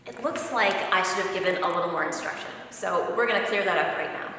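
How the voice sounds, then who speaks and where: Woman, audition director, brisk notes, distant in a reverberant hall. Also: lowish voice, bright, forceful tone, slight background noise. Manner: brisk, interrupting, gives notes. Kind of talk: instructional talk. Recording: echoey hall from far off.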